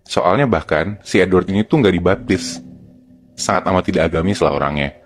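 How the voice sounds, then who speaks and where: Male podcast storyteller, Jakarta accent, deep voice, relaying horror tales casually and step by step. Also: fairly quick. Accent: Jakarta Indonesian. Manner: colloquial, step-by-step narration.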